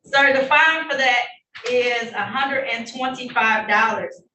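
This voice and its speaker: A woman judge reads out charges and rulings at traffic court hearings, striking a formal but friendly note. She speaks on the high side and a little slowly, her tone bright and forceful. The courtroom recording sounds roomy and distant, with faint noise.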